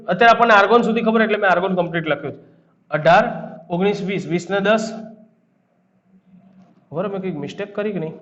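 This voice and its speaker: A man with a Gujarati accent giving a chemistry lecture, quizzing his students and then answering his own questions. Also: high-pitched. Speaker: chemistry teacher. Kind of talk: classroom lecture. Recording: echoey room, dull lo-fi sound.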